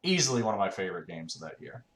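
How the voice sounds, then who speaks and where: Low-voiced man rambling through a let's-play. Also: sing-song, racing, fairly bright tone. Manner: rambling, filler-heavy, laid-back. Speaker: gaming channel host. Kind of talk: casual let's-play commentary. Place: room at home. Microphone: desk mic. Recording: roomy home recording with faint fan hum.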